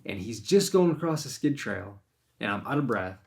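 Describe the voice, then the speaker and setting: A man's voice: medium pitch, very animated, moderate pace, gravelly, a little mellow, slight background noise. A man hosting a casual podcast, retelling a hunt in a rambling way, often restarting and acting out his own thoughts. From Maine. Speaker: podcast host and deer hunter. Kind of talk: casual storytelling chat.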